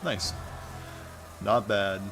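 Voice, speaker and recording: A man's voice: fairly low pitch, drawn-out words, background noise. A man giving casual gameplay commentary as host, with a dry, wry, understated way of talking. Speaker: gaming video host.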